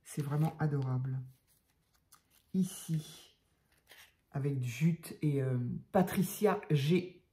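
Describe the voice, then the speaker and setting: Mellow-voiced older woman chatting softly. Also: low-pitched, slow pace, long pauses. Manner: chatty, soft-spoken, hesitant with fillers. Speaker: craft channel host. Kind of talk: casual show-and-tell of craft tags.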